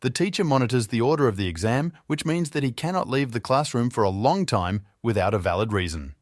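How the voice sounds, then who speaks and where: A man narrating a scripted story recap in an even, matter-of-fact way. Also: mid-range voice, no room sound, clean studio sound.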